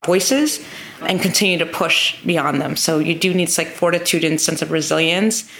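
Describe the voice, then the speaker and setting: Answering an interviewer's questions, this state legislator speaks in an earnest, emphatic style, stacking repeated phrases into lists. Her voice is low and a bit bright, with vocal fry and a normal speed, and the recording is rough.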